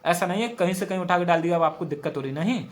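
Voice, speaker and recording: A high-pitched young man with a western Uttar Pradesh Hindi accent runs an exam-prep grammar lesson. He drills his mnemonics aloud and comes back to the same points again and again. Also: very fast. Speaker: teacher.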